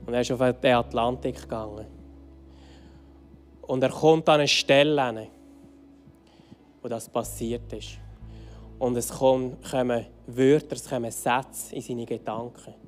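A man leading worship, telling a story as a sermon and moving between emphatic loud phrases and hushed soft ones. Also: mid-range voice, steady tone, a little slow, long pauses, faint music behind.

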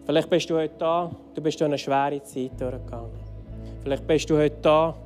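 Man preaching with hushed swings, soft music. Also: a little high, steady tone, normal speed. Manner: swings between emphatic loud phrases and hushed soft ones. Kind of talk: sermon storytelling leading into a song.

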